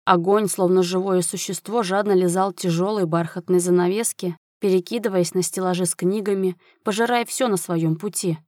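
A woman narrating a fantasy novel aloud in an even, expressive reading. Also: lowish voice, moderate pace, hardly any pauses, dry recording, studio quality. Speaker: audiobook narrator. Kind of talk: dramatic fiction reading.

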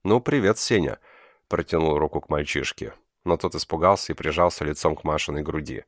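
A man's voice: rumbling low, flat delivery, fairly quick, dry recording, studio quality. A man reading a novel aloud in the first person, narrating and voicing the husband. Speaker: audiobook reader.

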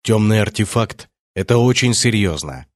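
A man voicing a measured police chief who speaks in a cold, formal tone. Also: on the low side, expressive, no room sound, studio quality, lightly acted.

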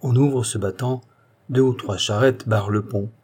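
A man narrating a historical novel as an audiobook, with steady, dramatic storytelling. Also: on the low side, normal speed, breathy edge. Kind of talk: scripted narration.

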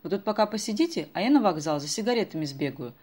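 A gruff middle-aged bus driver, voiced by a woman reading aloud, loud and brusque. He barks his words in a rough, working-man manner. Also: fairly low pitch, big pitch swings, fast talker.

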